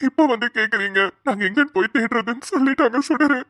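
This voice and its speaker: A woman's voice: on the high side, fast talker, a bit bright, dry recording. Woman voicing a grieving cartoon father. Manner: tearful, despairing pleading. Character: grieving middle-aged father missing his lost son. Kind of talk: cartoon voice acting.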